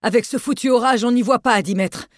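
A reader putting on a tense, commanding doctor who shouts orders over a storm, pitched up high and pushing hard. The delivery is urgent and loud, in a dry, close recording. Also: expressive, moderate pace, no room sound, lightly acted. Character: authoritative male doctor taking charge.

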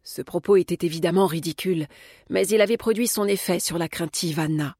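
A woman reading an audiobook as narrator, in a calm, measured way. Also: lowish voice, husky, dry recording, clean studio sound. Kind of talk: scripted narration.

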